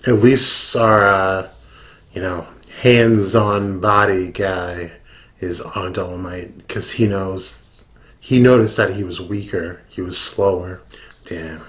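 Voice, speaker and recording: A drunk man talks through his reactions in a lowish voice. He takes his time, speaking slowly and loosely with plenty of slang and cursing, like a casual online reaction host. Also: fairly even intonation, fairly bright tone. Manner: heavy swearing and slang.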